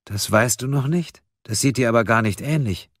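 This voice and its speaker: A man's voice: medium pitch, moderate pace, fairly bright tone, dry recording, voice pushed up, lightly acted. A bound woman detective who holds her fear down behind a pressed, strained voice, as a male reader puts her on. It sounds dry and close. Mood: tense. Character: frightened bound young woman detective, tense.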